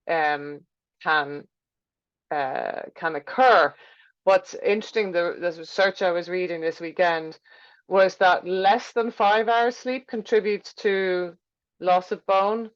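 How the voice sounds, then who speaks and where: A woman giving an informal health lecture with slides, explaining in a chatty way and thinking aloud as she goes. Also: lowish voice. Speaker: teacher presenting a health class. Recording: dull, lo-fi sound.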